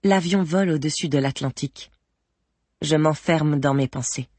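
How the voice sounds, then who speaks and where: A woman's voice: sits low, normal speed, a little mellow, dry recording. A woman reading a first-person novel aloud in an intimate, introspective and wry manner. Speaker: audiobook narrator.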